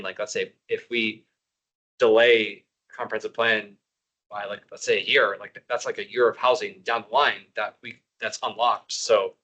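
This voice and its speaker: Commission member, male, low-pitched and bright, rambling meeting talk. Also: rough recording. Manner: rambling, many fillers and restarts. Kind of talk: public meeting discussion.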